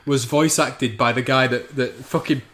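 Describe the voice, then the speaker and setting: A man's voice: mid-range voice, steady tone, normal speed, fairly bright tone, roomy sound. A man hosting a livestream, bantering crudely and laughing while drinking. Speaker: livestream host. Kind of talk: casual chat.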